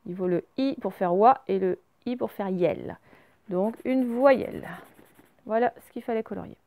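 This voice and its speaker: Woman, schoolteacher, reading lesson for small kids, slow careful explaining, medium pitch, dry close sound. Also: darkish tone, dry recording. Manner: slow, clear, explains each word step by step. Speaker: teacher. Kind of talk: recorded reading lesson for young children.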